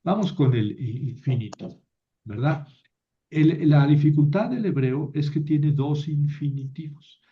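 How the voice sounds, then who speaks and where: A man teaching a language lesson, reading Hebrew aloud slowly and checking in with his students. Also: medium pitch. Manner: reads Hebrew aloud slowly, with many fillers and rhetorical checks. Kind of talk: lecture. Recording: dull lo-fi recording.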